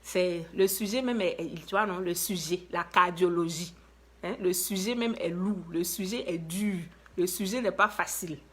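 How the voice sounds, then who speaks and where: A woman with an Ivorian French accent giving an inspirational talk to viewers, emphatic and lively, full of rhetorical questions and repeated phrases. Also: on the low side, moderate pace. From Ivory Coast. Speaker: motivational speaker.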